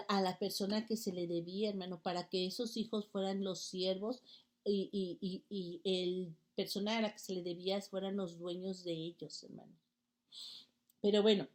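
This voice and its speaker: A woman preacher reads scripture aloud and then explains it. She often stumbles and restarts as she reads, and she keeps calling her listeners brothers and sisters. Her voice has an average pitch for a woman. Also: darkish tone. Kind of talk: sermon reading scripture.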